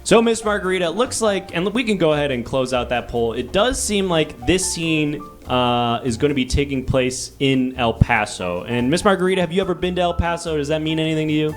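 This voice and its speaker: A man hosts an improvised comedy casting show with a somewhat high voice. He talks in a rambling, conversational way and stays polite as he steers things along. Light music runs underneath. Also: fairly quick, few pauses. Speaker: host.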